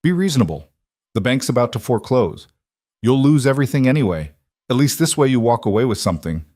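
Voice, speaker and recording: A man's voice: mid-range voice, very animated, fast, darkish tone, no echo, clean studio sound, pitched above the performer's own voice. A man voicing a calculating, pushy brother. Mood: pressing. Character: calculating brother pushing a ranch sale.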